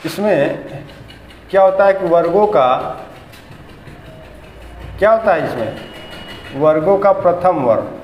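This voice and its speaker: A man leads a grammar lesson in a classroom, asking his students the same thing over and over and correcting them patiently. His voice sits high and unhurried. The room rings with a long, roomy echo. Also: expressive, highs cut off, a little hiss or hum. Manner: drills students with repeated questions. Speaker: teacher. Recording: echoey classroom with long reverb.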